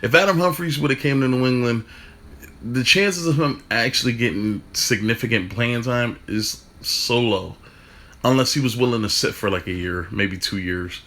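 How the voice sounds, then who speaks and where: A man talking fast in a casual football rant, stumbling over restarts and swearing casually. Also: mid-range voice, sharp tone. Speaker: football fan commentator.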